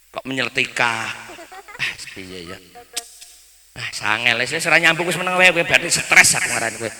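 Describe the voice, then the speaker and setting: A man's voice: medium pitch, sharp tone, long reverb tail. A man with a Javanese accent, preaching with humor at a live celebration, bantering with the audience and the band.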